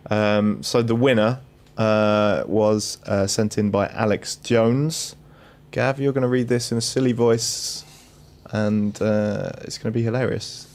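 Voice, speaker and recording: A man's voice: on the low side, steady tone, unhurried, darkish tone. A man hosting a magazine podcast in casual chat, dry and sarcastic, with many hesitations. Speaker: podcast host.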